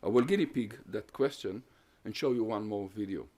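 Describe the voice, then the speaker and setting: This man, whose first language is Hungarian, is a guest lecturer speaking on terrorism research in an academic talk that includes questions from the audience. He sounds fairly low and a touch mellow, laying out his explanations calmly and point by point.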